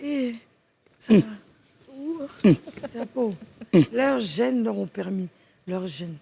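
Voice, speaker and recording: A woman plays a studio quiz game. Her voice is gravelly and husky, and she hums, hesitates and jokes while she spells out her answers. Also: mid-range voice, animated, slow, mellow. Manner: playful, hesitant, thinking aloud and joking while spelling. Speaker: game show contestant.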